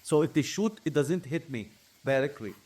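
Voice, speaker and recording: A man in his forties speaks with a Palestinian Arabic accent, his voice sitting a little high for a man. He gives earnest, emphatic testimony in an interview, setting out his points one by one and often repeating words as he finds them. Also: expressive, moderate pace, darkish tone. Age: 40s. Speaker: activist interviewee.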